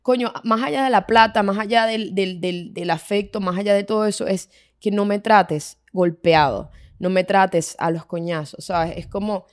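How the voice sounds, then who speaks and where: A woman's voice: mid-range voice, fairly even intonation, moderate pace, hardly any pauses, dry recording, studio quality. A young woman with a Venezuelan accent co-hosting a casual podcast, talking candidly with lots of slang. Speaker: podcast co-host. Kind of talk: casual chat.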